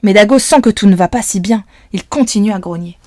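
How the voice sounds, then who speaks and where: Calm woman reading a children's story. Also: medium pitch, fairly quick, no echo, studio quality. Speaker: audiobook reader. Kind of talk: children's audiobook narration.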